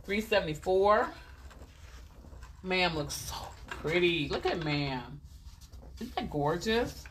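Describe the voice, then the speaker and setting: A woman's voice: lowish voice, animated, slow pace, slight background noise. A woman hosting a casual live clothing sale from a boutique, chatty and repeating item numbers and prices. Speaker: host selling clothes on a live stream.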